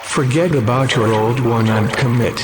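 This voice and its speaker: A man voicing a robotic male system voice for a sinister facility, a calm announcer that malfunctions. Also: mid-range voice, moderate pace, heavy background noise. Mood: soothing. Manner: calm, soothing, indoctrinating announcer. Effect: robotic malfunctioning machine voice. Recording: voice over loud music.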